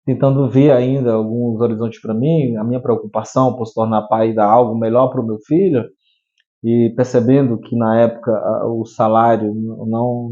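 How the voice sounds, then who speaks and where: A man in his thirties from Piauí in Brazil, telling his life story as a guest in an interview. He speaks haltingly, restarting his sentences and filling the gaps. His voice is warm and mellow, and the recording is a little muffled. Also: mid-range voice. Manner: hesitant, many restarts and fillers. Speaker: guest, entrepreneur.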